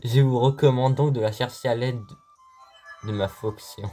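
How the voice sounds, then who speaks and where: A man reading out the lines of a calm female sword spirit guide in a game, slow and measured, with faint game music behind. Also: mid-range voice, close to an everyday voice.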